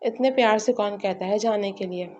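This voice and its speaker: A woman reading the lines of a brash, possessive young man who teases in low, intimate murmurs, on a slightly muffled recording. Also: a little mellow, a little hiss or hum, lightly acted. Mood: teasing.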